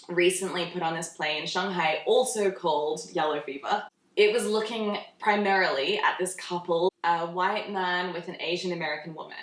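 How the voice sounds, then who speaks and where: A woman's voice: on the low side, fairly bright tone. A young woman hosting a casual interview, chatty and reflective, using many likes. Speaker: host. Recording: roomy echo.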